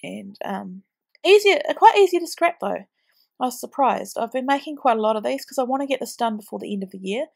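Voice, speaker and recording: This scrapbooking vlogger, a tired, heavily pregnant woman in her thirties, talks through her craft project with a stuffy, snuffly nose from a cold. Her somewhat high voice is husky, creaky and darkish, moving a little fast with expressive inflection. The voice-over is casual and chatty, wandering along with ums.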